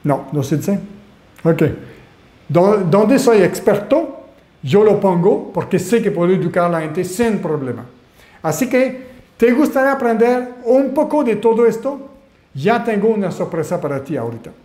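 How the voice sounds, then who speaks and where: A man with a Panamanian Spanish accent tinged with French-Canadian, hosting a live webinar as an online marketing mentor and pitching to viewers with rhetorical questions. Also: sing-song, moderate pace, dark tone. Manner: salesy, fires rhetorical questions at viewers, lists skills. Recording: roomy echo.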